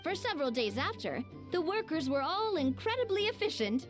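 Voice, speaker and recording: A woman's voice: very high-pitched, fairly quick, over music. A woman voicing a curious young female companion, recounting a story in game dialogue. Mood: amused. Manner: lively storytelling.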